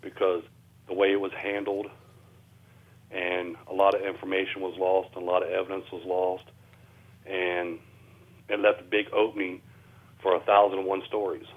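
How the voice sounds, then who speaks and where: Over a tinny telephone line, a man joins a radio interview as a guest researcher, answering in folksy, ungrammatical plain speech. His low voice is monotone, and he speaks at normal speed with frequent pauses.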